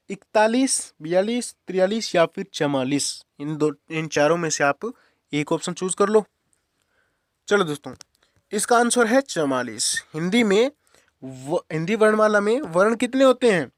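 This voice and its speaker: High-voiced Hindi quiz teacher. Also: male voice, dry recording, clean studio sound. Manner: repeats questions and answers to drill them; casual, addresses viewers as friends and brother. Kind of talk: quiz-style exam-prep lesson.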